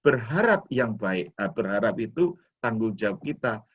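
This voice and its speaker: A man's voice: lowish voice, sing-song, moderate pace, slightly rough. A middle-aged male pastor sharing a personal testimony in a church talk, telling his story and often addressing listeners as brothers and sisters. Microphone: video call. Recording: dull lo-fi video call audio.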